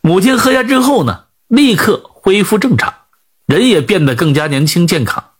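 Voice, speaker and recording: A man telling a folk tale in an animated, conversational storytelling manner. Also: high voice, normal speed, husky.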